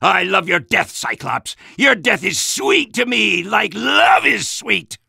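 An actor playing a gung-ho, belligerent American army soldier in a video game, barking bombastic orders and insults in a raspy, gravelly shout. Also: male voice, high voice, animated, takes it slowly, no echo, clean studio sound, exaggerated voice. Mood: gloating, belligerent.

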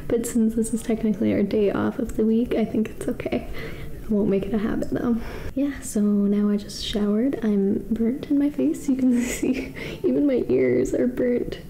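A woman in her twenties talking quietly and half-whispering in a breathy, creaky voice, chatting casually to a camera in a small room. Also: a little high, a little hiss or hum. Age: 20s. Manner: hushed, half-whispered, talking quietly so as not to wake someone. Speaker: vlogger. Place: small indoor room with plain walls.

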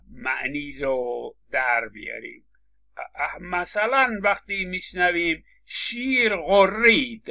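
Gravelly, bright-voiced male lecturer. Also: fairly high pitch. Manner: explains with examples and acted-out quotes, frequent stammered restarts. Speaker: linguistics lecturer. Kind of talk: recorded university lecture.

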